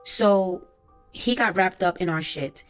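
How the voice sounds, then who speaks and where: A woman reading aloud a court transcript as the words of a young male witness, in a plain, unhurried voice full of street slang, with faint music behind her. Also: fairly low pitch.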